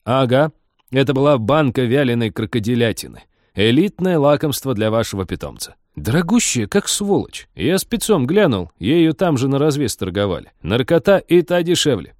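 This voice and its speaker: A man voicing a brash, tipsy young spaceship pilot who talks slangy and loud. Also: medium pitch, very animated, moderate pace, no room sound, clean studio sound, pitched above the performer's own voice, close to an everyday voice. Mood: boastful. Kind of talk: audiobook character voice.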